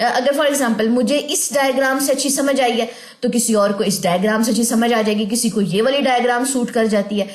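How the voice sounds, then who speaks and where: High-voiced woman teaching recitation. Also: echoey room. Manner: explains patiently, demonstrating slow drawn-out recitation. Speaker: tajweed teacher. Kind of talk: online recitation lesson.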